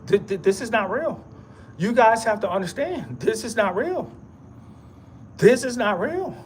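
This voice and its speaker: Emphatic man with a swinging, lively voice. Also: high voice, unhurried, a little hiss or hum. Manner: repetitive, emphatic, streetwise slang. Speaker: vlogger. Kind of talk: rambling motivational monologue.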